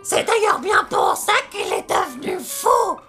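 A high, sly, gravelly crow. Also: male voice, expressive, a little slow, sharp tone, soft background music, heavily acted. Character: sly gossiping crow, male. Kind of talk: audio drama acting.

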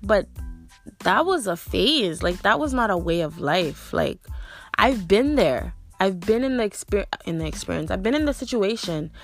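A woman's voice: mid-range voice, very animated, moderate pace, faint music behind. Blunt, ranting young woman podcaster. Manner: blunt, profane, repeats "like" often. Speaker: podcast host. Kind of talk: ranting monologue.

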